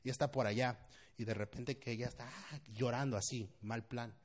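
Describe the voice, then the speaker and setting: A man's voice: medium pitch, brisk. A young man with a Mexican accent, a pastor telling funny stories in a sermon and often dropping English slang. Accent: Mexican Spanish. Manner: animated, humorous, laughs often, mixes in English slang. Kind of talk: storytelling sermon.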